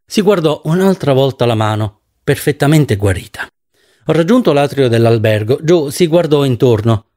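A man narrating a novel as an audiobook, reading in an expressive, dramatic way. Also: mid-range voice, normal speed.

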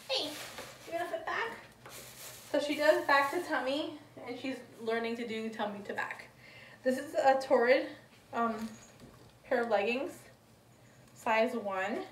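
Woman, casual home haul vlogger, rambling and chatty, slightly high voice, picked up off-mic in an echoey room. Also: normal speed, a little hiss or hum. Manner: chatty, rambling item-by-item descriptions. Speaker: thrift reseller vlogger. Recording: roomy, distant mic, faint ambience.

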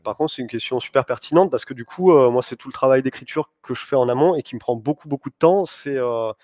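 A man's voice: medium pitch, quick pace, a little mellow, no room sound. Man, thirties, sailing instructor, conference talk, thoughtful, hesitant fillers, dry sound. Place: large sailing showroom, indoors.

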